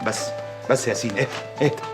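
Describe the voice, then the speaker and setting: A man's voice: mid-range voice, very fast, close to an everyday voice. A man with an Egyptian accent playing a police officer brother in a TV drama, soothing the others. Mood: calming. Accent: Egyptian Arabic. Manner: soothing, trying to calm others. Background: music score.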